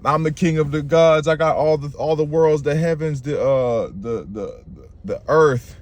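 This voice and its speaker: A man's voice: a little high, unhurried, natural voice. A man putting on the voice of a pompous, boastful king who brags in street slang. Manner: swaggering street-slang bragging.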